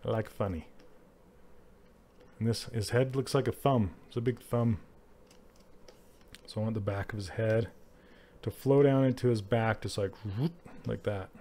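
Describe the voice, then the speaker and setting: A man's voice: on the low side, measured pace, pauses often, mellow. A man teaching 3D character sculpting on a live stream, chatty and laughing often as he works and answers chat. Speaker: 3D art instructor streaming live. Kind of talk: casual live-stream tutorial.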